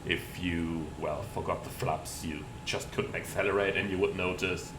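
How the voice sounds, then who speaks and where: A man with a low voice speaks at a moderate pace, presenting a flight simulator in the role of a pilot. He explains procedures and reads back radio calls, and the recording sounds roomy, with steady cockpit noise underneath.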